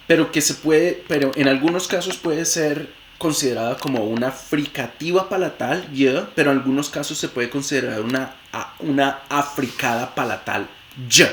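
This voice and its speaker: A man's voice: fairly high pitch, fairly bright tone. Man teaching phonetics in an echoey room. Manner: explanatory, repeats example words, self-correcting. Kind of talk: lecture. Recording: echoey room with faint ambient noise.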